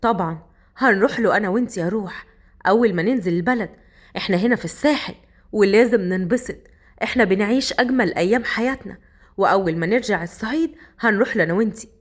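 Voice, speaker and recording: A woman voicing a tough, hot-tempered young man from Upper Egypt with an Egyptian accent, speaking in a lowered, commanding voice. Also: quick pace, close to an everyday voice. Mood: tender.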